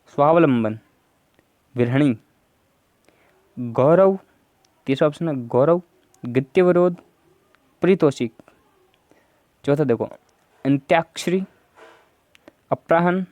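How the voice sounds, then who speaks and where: A man with a Rajasthani accent teaches Hindi grammar for exam prep, going through each answer option step by step. His voice is mellow and relaxed, recorded dry and close. He keeps nudging viewers to answer quickly. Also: on the high side, no room sound.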